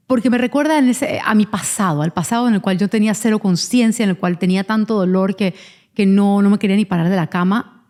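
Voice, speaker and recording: With a warm, medium-pitched voice, the podcast host, who is a mother of twins, opens up about something painful in her life. Her telling is candid and confessional, exposed and unguarded, and she keeps circling back to restart her sentences.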